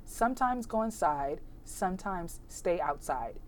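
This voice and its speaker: A woman's voice: fairly low pitch, animated, unhurried, slight background noise. A woman hosting an informal instructional podcast, chatty and encouraging, spelling examples out carefully, her voice strained from being sick. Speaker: podcast host teaching punctuation.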